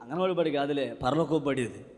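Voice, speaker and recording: A man preaching a sermon at a prayer meeting. He calls for responses from the congregation, moving between loud shouted lines and quiet joking asides. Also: mid-range voice, quick pace. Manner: call-and-response, urging the crowd to repeat and shout back. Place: church prayer meeting hall. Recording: long hall reverb.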